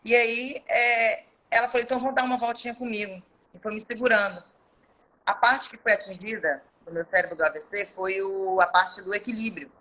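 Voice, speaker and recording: A woman's voice: medium pitch, steady tone, normal speed, sharp tone, rough recording. A woman in her thirties telling an emotional personal testimony as an interview guest, speaking earnestly. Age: 30s.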